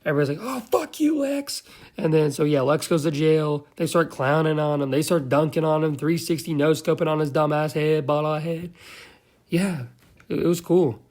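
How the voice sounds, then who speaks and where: A man's voice: fairly high pitch, little pitch movement, moderate pace, a little mellow. A man giving a loose, slangy, profane recap of a movie, now and then losing track of names. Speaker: movie reviewer.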